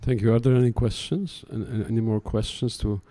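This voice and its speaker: A curator in conversation speaks to an audience in a talk room, his remarks loose and chatty, with many stammering restarts. His voice is medium-pitched and steady, brisk, with a dark tone.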